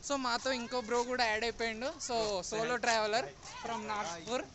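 A man's voice: very high voice, level tone, brisk, background noise. A young man, chatting upbeat through a travel vlog and calling out to viewers as friends. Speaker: travel vlogger. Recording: crowd chatter behind.

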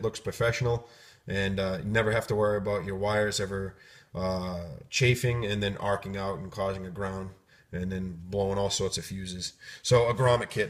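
A man casually walking through hardware kits in his garage workshop, rambling with many ums and restarts, filmed on a handheld phone. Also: lowish voice. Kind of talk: casual off-the-cuff product walkthrough. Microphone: handheld phone camera, speaker off-screen.

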